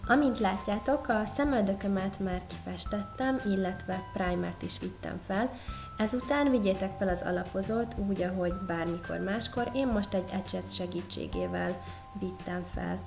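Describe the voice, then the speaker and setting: Young woman giving a makeup tutorial. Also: medium pitch. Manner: friendly, instructive, addressing viewers directly. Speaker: beauty vlogger. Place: small bright indoor room. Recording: clear background music. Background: background music.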